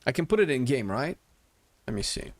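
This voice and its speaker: A man's voice: mid-range voice, big pitch swings, fairly quick. A man chatting informally on a live game stream, talking to viewers with the odd swear word. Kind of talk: casual live-stream chat while gaming. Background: faint game music.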